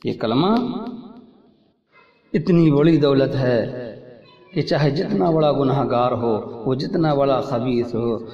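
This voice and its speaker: A man from India giving a religious sermon, speaking slowly and emphatically, repeating phrases, telling stories and chanting scripture. His voice is recorded in a large hall. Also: medium pitch. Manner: recites Arabic scripture in a chanting tone. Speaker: preacher. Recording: echoey hall, dull lo-fi sound, crowd behind.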